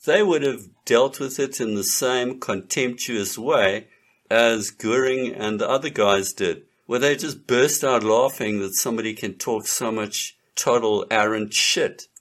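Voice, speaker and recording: A man's voice: medium pitch, measured pace, fairly bright tone. A man delivering a lecturing monologue in an emphatic, repetitive and contemptuous manner.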